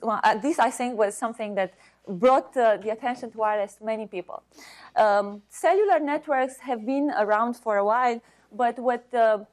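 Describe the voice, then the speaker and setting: With a Romanian accent, a university researcher delivers an unscripted seminar talk, her speech halting as she searches for words. Her voice is fairly high in pitch with a darkish tone.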